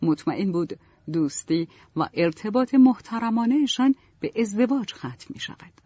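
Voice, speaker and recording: A woman narrating a storybook in an expressive, lively reading style. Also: mid-range voice, breathy edge, dry recording. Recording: dull, dry, lo-fi.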